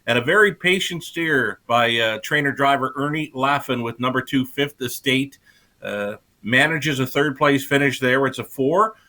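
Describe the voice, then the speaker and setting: A man giving unscripted post-race commentary in a halting way, pausing often mid-sentence. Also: medium pitch, sharp tone.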